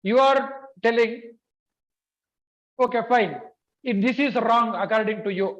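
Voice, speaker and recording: A high-voiced man in his teaches an interactive online lesson. He goes step by step, repeating points and putting questions to his listeners. The audio is dull and lo-fi. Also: steady tone, normal speed, fairly bright tone. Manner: repetitive, questioning, checks for agreement. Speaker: computer typing instructor.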